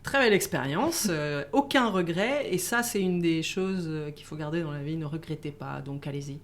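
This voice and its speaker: A middle-aged woman, born in Italy and raised in France, answering interview questions in a halting way with many fillers and restarts. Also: low-pitched, a little hiss or hum. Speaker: guest. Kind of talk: casual interview.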